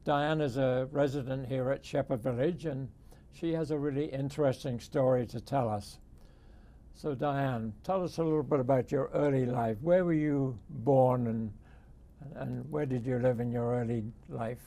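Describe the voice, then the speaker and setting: A man hosting an interview, asking questions in a friendly, conversational way and gently prompting his guest. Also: medium pitch, fairly even intonation, moderate pace. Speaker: host.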